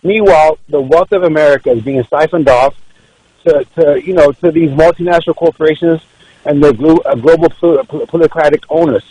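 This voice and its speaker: A man's voice: a little high, brisk, warm tone, breathy edge, dry recording, rough recording. A man from Ethiopia, a political candidate guesting on a radio show, making his case earnestly and often repeating words as he restarts. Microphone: radio studio microphone.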